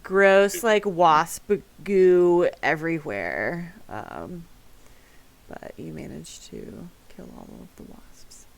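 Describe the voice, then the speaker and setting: A woman's voice: lowish voice, lively intonation, takes it slowly, vocal fry, a little hiss or hum, rough recording. A woman narrating as game master in a casual, giggly way, with lots of fillers.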